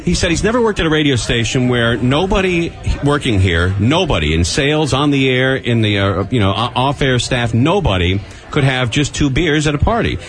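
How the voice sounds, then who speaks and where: A man's voice: medium pitch, big pitch swings, normal speed, hardly any pauses. A man hosting a radio show in casual banter, joking and teasing as he talks.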